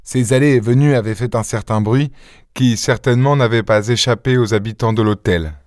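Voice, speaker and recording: A male audiobook narrator reading a classic tale in a steady, expressive way. His voice sits at a middle pitch and is recorded dry and close. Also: fairly quick, no room sound.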